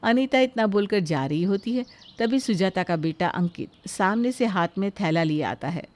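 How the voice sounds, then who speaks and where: A woman narrating a moral story in a steady, scripted storytelling manner. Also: medium pitch, moderate pace.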